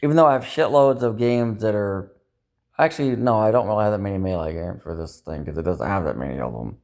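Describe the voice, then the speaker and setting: Fast and animated, a lowish, darkish-toned man vents to camera in a rambling, confessional vlog. He sounds upset and dejected, swearing often and frustrated with himself.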